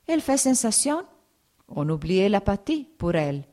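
A woman's voice: mid-range voice, very animated, moderate pace, mellow, big-room sound, voice pushed up, lightly acted. Brief: woman reader doing a sly older noblewoman in a storybook, teasing, arch. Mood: mocking. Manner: mocking, sprinkled with French phrases. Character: older aristocratic mother, mocking gossip. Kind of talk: audiobook character reading.

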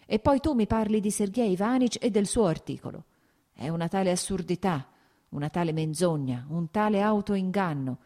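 Woman doing a cranky fired-up radical guy, loud and heated, audiobook reading. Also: mid-range voice, lively intonation, moderate pace, pitched above the performer's own voice, lightly acted. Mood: scornful. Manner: loud, heated, irritable declaiming. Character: agitated sickly radical man, older brother.

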